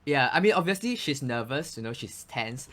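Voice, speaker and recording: Man explaining, lively pitch. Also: moderate pace. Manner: explanatory, frequent restarts and "you know". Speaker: voice coach and actor, guest. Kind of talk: casual interview chat.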